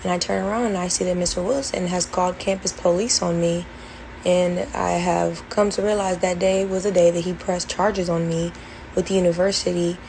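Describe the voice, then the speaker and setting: A woman's voice: fairly low pitch, fairly even intonation, moderate pace, creaky, darkish tone, slight background noise, rough recording. A young woman earnestly recounting her college experience in a storytime vlog, detailed and full of fillers. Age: young adult. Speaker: former college band member telling her story.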